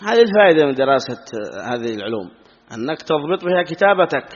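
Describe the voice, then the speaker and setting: A man's voice: on the high side, sing-song, quick pace, breathy edge. A man teaching a classroom lesson on Arabic spelling, explaining step by step and asking questions he answers himself. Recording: lo-fi recording with long hall reverb.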